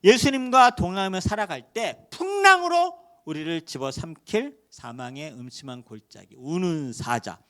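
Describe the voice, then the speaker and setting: Male pastor, sermon delivery, lively swings in pitch, fairly high voice, dramatic rises. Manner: animated preaching with rhetorical questions and sudden loud rises. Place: church sanctuary.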